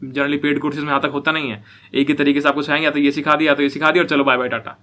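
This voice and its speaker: A man's voice: on the high side, little pitch movement, rapid-fire, bright, forceful tone. A young man giving a casual coding lecture, often repeating himself and checking whether listeners follow. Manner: repetitive, asks listeners if they follow. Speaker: programming teacher.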